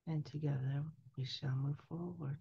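An older woman channels a spiritual message as a seance medium. Her voice is dark, gravelly and solemn, moving in measured phrases with long pauses. The headset recording is dry and somewhat dull. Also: low voice, fairly even intonation. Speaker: trance channeler. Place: small candlelit room indoors. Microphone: headset boom mic.

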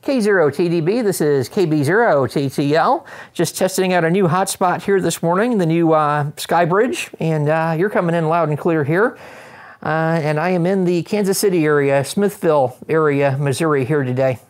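A middle-aged American ham radio operator presents an instructional demonstration mixed with casual radio chat, delivering it methodically. His voice is fairly high and at a normal speed, recorded in an indoor studio with a wood-panel backdrop.

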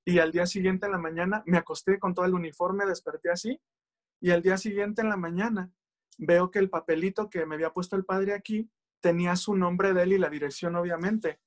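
A man tells his religious testimony in an earnest, heartfelt way. His voice sits high for a man. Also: steady tone, fairly quick. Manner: earnest, addresses listeners as brothers. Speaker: speaker giving testimony.

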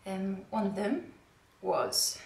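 A young Norwegian knitwear designer in her twenties chats casually to camera in English with a British-tinged accent, giggly and self-deprecating. Her mid-range voice has a darkish tone, and she takes her time. She is indoors in a dim living room, with roomy echo and slight background noise.

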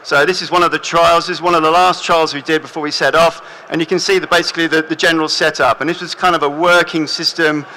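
Bright-voiced young man presenting on stage. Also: on the high side, quick pace, hardly any pauses, slight background noise, rough recording. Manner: relaxed, many fillers and restarts. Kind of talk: stage talk with slides. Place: large hall with audience.

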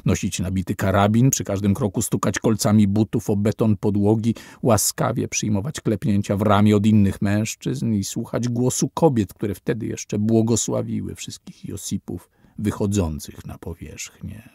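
A man reading a story as audiobook narrator, in slow, measured scripted narration whose lines fall away quietly at the end. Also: lowish voice, creaky, husky, no echo, clean studio sound.

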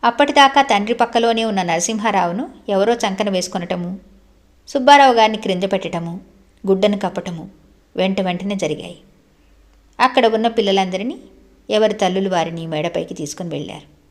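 A woman's voice: medium pitch, brisk. Woman reading a devotional audiobook. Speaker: audiobook narrator. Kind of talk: scripted audiobook narration.

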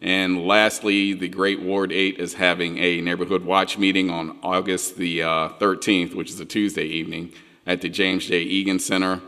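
A man gives his council report in a measured, hesitant way. His voice is very deep and flat, with a bright edge. The chamber adds a long reverb. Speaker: council member. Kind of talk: meeting report.

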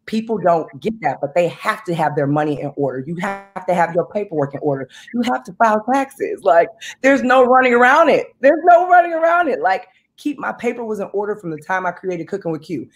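A woman in her thirties on a video call from home, talking in an animated, emphatic way about money and business. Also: mid-range voice, a little fast. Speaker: guest, business owner. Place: home room indoors. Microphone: video call webcam.

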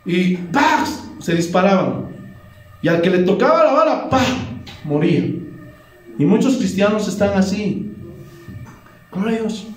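A man with a Bolivian Spanish accent preaching a sermon as pastor in a church hall, animated and full of exclamations. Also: sits high. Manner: animated preaching, frequent "Gloria a Dios". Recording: echoey room, voice from far off.

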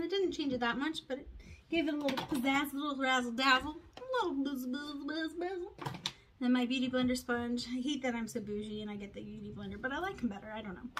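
Female beauty vlogger, slightly high voice, loose self-mocking chatter, faint background noise. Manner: rambling, self-deprecating, talks to herself. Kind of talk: casual makeup tutorial chat.

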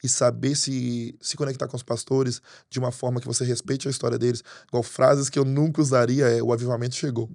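A Brazilian pastor in his thirties talks fast in a podcast studio, spilling stories with animated gestures. His voice is mellow and dark, and stays even and level in pitch. The sound is dry and close to the desk microphone. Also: creaky, dry recording. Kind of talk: podcast interview. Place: studio with green curtains. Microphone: desk mic on arm.

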